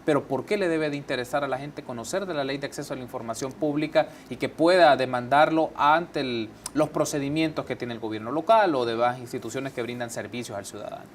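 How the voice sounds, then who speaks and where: A man's voice: medium pitch, brisk, few pauses, slight background noise. A male TV host, asking long, winding questions. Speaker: TV interview host. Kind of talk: TV interview questions.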